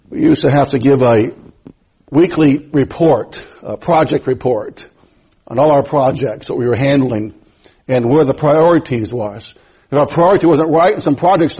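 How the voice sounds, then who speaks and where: Preaching in a mellow, slightly rough voice, a man whose first language is German builds to high, emphatic stretches. Between phrases he lets out little chuckles.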